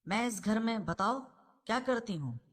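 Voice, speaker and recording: A widowed middle-aged mother in a read-aloud novel answers sharply and defensively, as a woman narrator puts her on. Her voice stays close to the reader's own, with a mid pitch for a woman. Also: lively intonation, breathy edge.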